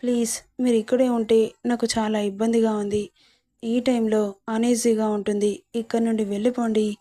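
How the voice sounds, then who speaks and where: A woman voicing a shy, hurt young bride who begs softly in a storybook reading. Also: on the high side, level tone, a little fast, natural voice. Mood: hurt pleading.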